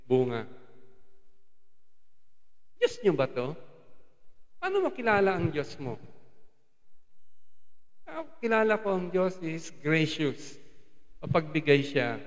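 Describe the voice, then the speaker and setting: Gravelly-voiced Filipino man preaching in a hall. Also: a little high. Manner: mixes English phrases into Tagalog preaching, animated. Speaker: lay preacher. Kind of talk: sermon. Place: church hall. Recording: long hall reverb.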